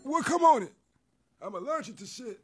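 Squeaky, strained entitled rude customer. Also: male voice, very animated, moderate pace, fairly bright tone, soft background music, full character voice. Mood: fussy. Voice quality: strained, throaty smoker's voice. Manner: entitled customer impression, demanding, repeats himself. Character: rude entitled male drive-thru customer, wheezy and pushy. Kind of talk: animated comedy sketch dialogue.

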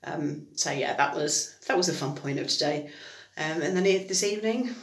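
A woman's voice: low-pitched, normal speed. A British woman chatting casually in a diary vlog from home, rambling and correcting herself as she goes. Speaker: vlogger. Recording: echoey room.

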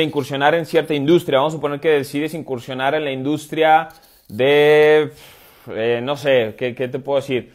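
Emphatic man asking rhetorical questions. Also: fairly high pitch. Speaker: online business coach. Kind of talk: motivational live stream. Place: indoors, room with stone-pattern wall. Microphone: wired earphone headset mic, phone camera.

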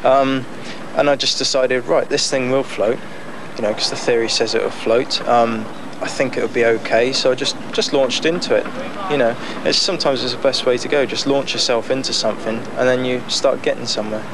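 A young man speaking casually in an interview outdoors on a boat deck, relaxed and chatty, with frequent fillers and laughs. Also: mid-range voice, brisk, hardly any pauses. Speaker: amateur boat builder. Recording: noisy outdoor 1990s news tape.

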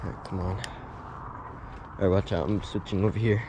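Guy on a body cam at a pond bank, lowish voice, kinda mumbly, wind and traffic noise all over. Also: fairly quick. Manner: relaxed, mutters to himself while casting. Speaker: angler filming his fishing trip. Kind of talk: casual running commentary. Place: grassy pond bank outdoors. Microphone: body-worn action camera. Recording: outdoor action-cam audio with clear background noise.

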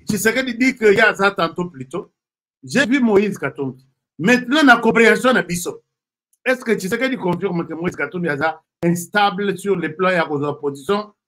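This is a man with a Congolese accent and a rather high voice, talking casually as a political commentator. He often pauses on fillers and starts his sentences over, building his points step by step. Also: sharp tone. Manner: hesitant, many fillers and restarts.

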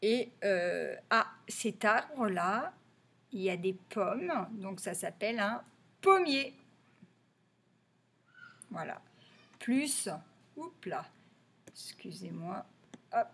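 A woman's voice: mid-range voice, expressive, slow pace, vocal fry, long pauses, fairly bright tone, breathy edge. A woman teaching young children to read in French, patiently repeating each word and stressing its sounds. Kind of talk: early reading lesson for young children.

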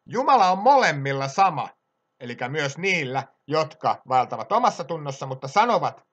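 Preacher guy giving a fired-up sermon, kinda high voice that jumps all over. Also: big pitch swings, dull audio. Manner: impassioned, swings between loud exhortation and quiet asides.

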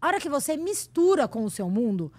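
A woman in her forties from Brazil, a guest telling stories in a relaxed, laughing chat. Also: high-pitched, fairly quick, no room sound. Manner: chatty, laughing storyteller. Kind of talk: casual chat.

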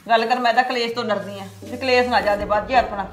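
A woman playing a protective, quick-talking mother. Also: a little high, steady tone, soft background music, close to an everyday voice. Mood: worried. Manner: pleading, protective. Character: anxious protective village mother.

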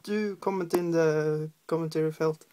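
Seated at a desk indoors, a Norwegian-accented hobby painter from Norway talks through a miniature painting tutorial, halting and hesitant, with many fillers and humming as he works. His voice is fairly high, steady, and dark-toned, with slight background noise.

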